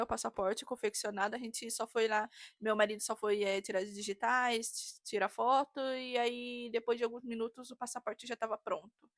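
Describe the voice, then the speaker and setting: Chatty high-voiced woman. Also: no room sound, studio quality. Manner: chatty, animated, re-enacts dialogue. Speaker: vlogger. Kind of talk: casual storytelling.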